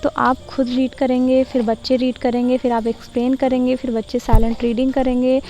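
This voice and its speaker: A woman tutor explaining a lesson plan step by step, mixing Hindi and English and reading English lines slowly. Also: high-pitched, flat delivery, warm tone, soft background music, low-quality recording. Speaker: teacher-training tutor. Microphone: voice-over for screen slides.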